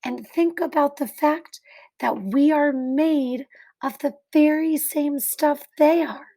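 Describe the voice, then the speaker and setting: A woman's voice, pitched a bit high, reads a picture book for children in a teacherly style. She shapes each phrase with care and expression, leaving dramatic pauses.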